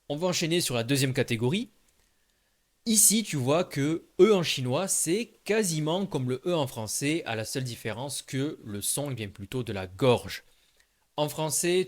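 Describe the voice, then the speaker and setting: Man, casual video lesson, informal, addresses viewer directly, demonstrates sounds. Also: medium pitch. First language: French. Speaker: Chinese language teacher.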